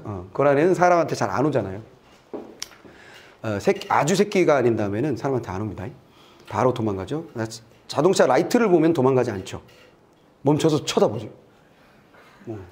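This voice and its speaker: A middle-aged man lecturing on a test passage in a lively, playful way. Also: a little high. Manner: lively, playful, acts out little scenes and sound effects. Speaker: Korean literature tutor. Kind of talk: lecture with acted examples.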